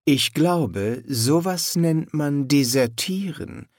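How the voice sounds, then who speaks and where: A man voicing a cool, sardonic young soldier with a low, dry delivery. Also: expressive, takes it slowly, darkish tone, dry recording.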